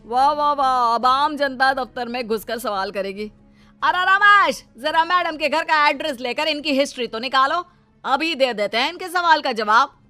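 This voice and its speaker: A woman's voice: on the high side, slow, sharp tone, no echo, soft background music. A woman voicing a smug, threatening male official in a cartoon, speaking mockingly.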